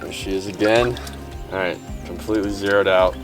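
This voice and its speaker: A young man with a drawl, a bit low-pitched, talking on a boat out on a lake. He's excitable and casual and keeps saying "y'all," picked up by an action camera with music playing underneath. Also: brisk. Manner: excitable, says "y'all" often. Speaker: fishing vlogger. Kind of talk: casual narration and on-the-water commentary. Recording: background music in the mix.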